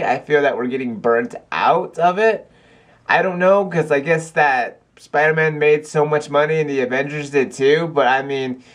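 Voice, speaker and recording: A man's voice: mid-range voice, fairly bright tone. A young man chatting casually to camera in a video blog at home, rambling with lots of fillers and restarts. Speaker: vlogger. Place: cold house.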